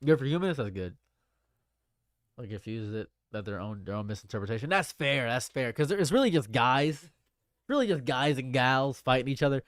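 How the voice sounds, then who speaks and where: A man's voice: medium pitch, expressive, fairly quick, dry recording, clean studio sound. Rambling man in his late twenties. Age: late 20s. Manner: rambling, repeats himself, restarts phrases. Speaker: streamer. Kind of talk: casual livestream chat.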